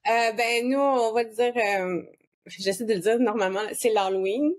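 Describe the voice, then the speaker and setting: A woman's voice: on the high side, moderate pace. A woman with a Québécois French accent, a guest author talking in a casual panel chat, hesitant with many fillers and restarts. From Quebec.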